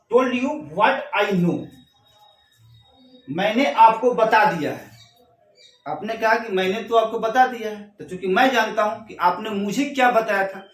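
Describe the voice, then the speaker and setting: A man teaching an English grammar lesson, who reads each example slowly and then explains it again in Hindi. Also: sits high, echoey room, far from the mic.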